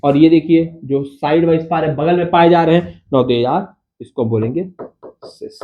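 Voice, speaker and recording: A man teaching chemistry in a mix of Hindi and English, calling the students "bachcha" and asking questions he then answers himself. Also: a little high. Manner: addresses students as "bachcha" and "babu", asks and answers own questions; counts carbons slowly while writing. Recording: dull lo-fi sound with faint noise.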